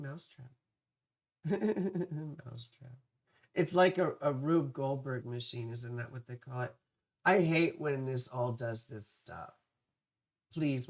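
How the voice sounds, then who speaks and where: A casual astrology livestream host with a mid-range voice and dry, parched vocal fry talks with her viewers. Her manner is playful and all over the place, with frequent affectionate tangents.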